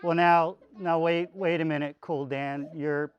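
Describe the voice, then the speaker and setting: Speaking as a pastor, a man delivers a children's sermon with a puppet, explaining things simply and folksily with lots of repetition. His fairly high voice is clean and steady and a little slow, with no room sound, though the recording itself is dull and lo-fi.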